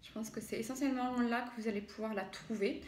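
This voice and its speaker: Talking fast in a steady, slightly mellow voice that sits a little high, this woman walks through a recipe at home. She's a chatty, hesitant home cook in a casual tutorial, leaning on fillers and correcting herself often, and the space around her reverberates.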